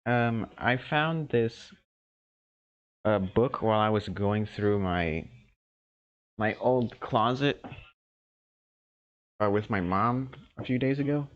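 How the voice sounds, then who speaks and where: A young man co-hosting a casual podcast chat, talking slowly with many ums and restarts. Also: lowish voice. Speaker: podcast co-host. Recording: dull lo-fi sound.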